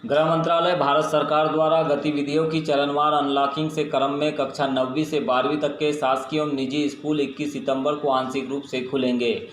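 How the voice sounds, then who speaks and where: Guy reading local news, monotone and formal, echoey room, bit of hiss. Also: medium pitch. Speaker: news reader. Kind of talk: scripted news bulletin. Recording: echoey room with faint noise.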